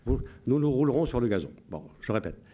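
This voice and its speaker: Declaiming like a solemn wartime radio announcer, a man in his seventies reads out coded messages in a raised, lively voice that is mid-range with a breathy edge. Every short phrase is spoken measured and emphatic before being repeated exactly.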